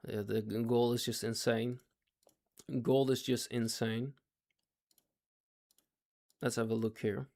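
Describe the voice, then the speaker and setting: He takes it slowly, pausing often, in a level, mid-range voice that's a little mellow. As a day trading livestreamer chatting casually about his trades, he's losing his voice, speaks haltingly, repeats things, and keeps asking chat whether they follow.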